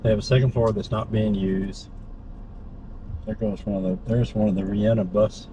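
A man at the wheel hosts a driving vlog in a steady voice that sits on the low side, moving at a moderate pace. He chats casually and frequently checks in with quick tag questions. Road and car noise come through the moving interior.

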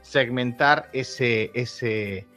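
Speaking extremely slowly in a mid-range voice that sounds pushed and bright, a Uruguayan YouTuber in his thirties talks candidly as a guest in a casual interview. He laughs often and frequently restarts sentences. The audio is dull and lo-fi, with faint background music.

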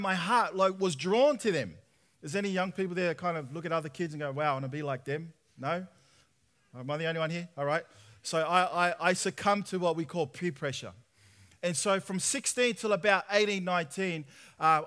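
A man in his thirties with an Australian accent giving a conversational testimony sermon at a church conference, drawing the audience in with questions. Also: high voice. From Sydney, Australia. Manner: conversational, asks the audience questions, prays softly. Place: large tent hall with audience, indoors.

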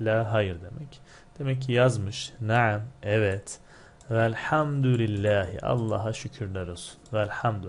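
A man teaching a textbook lesson. He reads phrases slowly, then explains them quickly. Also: mid-range voice, a little hiss or hum. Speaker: Arabic teacher. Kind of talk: textbook lesson, reading and translating line by line.

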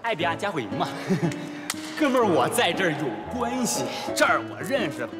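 Brief: a swaggering young groom; high, lively voice; hall reverb and music underneath. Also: male voice, moderate pace. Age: young adult. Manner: boastful, showy, exclaiming. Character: boastful young groom showing off. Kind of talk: TV drama acting.

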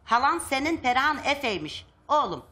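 A woman's voice: sits high, very animated, fairly quick, sharp tone. A middle-aged woman, a mother on a talk show, speaking in a pleading and soothing way. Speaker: mother of the guest. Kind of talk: emotional plea on a talk show. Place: TV studio.

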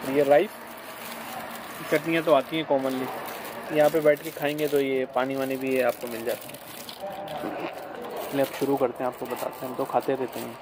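A man in his thirties vlogs a restaurant meal and then a night drive on his phone, chatty and enthusiastic as a food vlogger who often adds religious blessings. His mid-range voice has a flat delivery at normal speed with long pauses. Filmed handheld in a restaurant cabin and later inside a car at night, the casual clip carries noisy street and car background.

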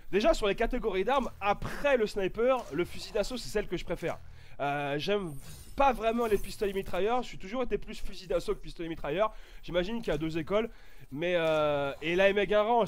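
A man doing casual gameplay commentary, excitable, swearing and shouting in bursts, with a stuffy, itchy nose. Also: high voice. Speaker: gaming YouTuber.

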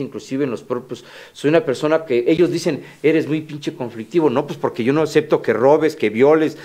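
In casual radio conversation, a man with a Mexican Spanish accent and a slightly mellow voice on the high side co-hosts the show. He's candid and blunt about himself and laughs frequently.

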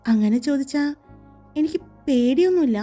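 A woman voicing a timid, gentle young woman in a soft, raised, pleading voice for a romance audiobook. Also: sits high, animated, moderate pace, soft background music. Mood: shy.

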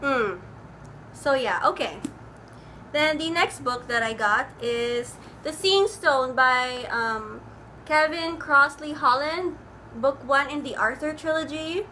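Bright, high-voiced chatty young woman. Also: slow pace. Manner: chatty and rambling, with many likes and ums. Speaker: book vlogger. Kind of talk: casual chat. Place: room at home with air conditioning on. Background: air conditioner hum.

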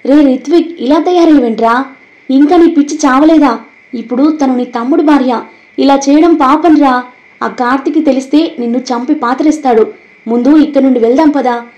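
A woman voicing an outraged young man who scolds his friend in a storybook drama, shouting and scolding. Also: very high voice, moderate pace, highs cut off.

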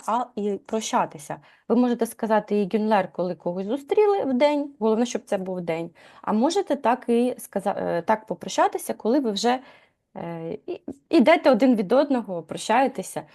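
A woman teaching Turkish in a live lesson, explaining patiently, asking her students questions and filling pauses with "e". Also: fairly high pitch, a little mellow. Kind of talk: live online language lesson.

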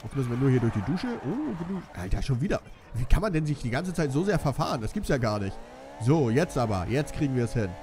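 A man's voice: medium pitch, big pitch swings, quick pace, noisy background. A young man giving joking, self-mocking commentary while playing a racing game. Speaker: let's play commentator. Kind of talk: casual gameplay commentary. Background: game music and car sounds.

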